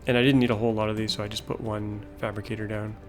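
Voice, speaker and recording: Soft background music accompanies this gameplay host, who talks in a lowish, flat voice at a rapid-fire clip. He thinks out loud through a factory-building game, casually pondering his production lines, and admits his voice is going, all in a relaxed let's-play style.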